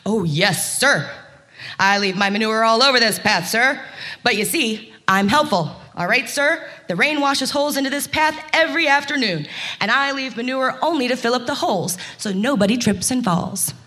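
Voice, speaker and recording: A woman's voice: on the high side, expressive, normal speed, pushed and bright. A woman voicing a polite, deferential male water buffalo. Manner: respectful, says sir.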